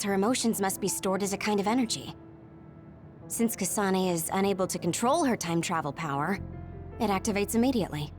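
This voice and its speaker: A woman voices a clever, easygoing young woman for an English-language game dub, her mid-range delivery lightly acted as she lays out explanations in a logical, matter-of-fact manner.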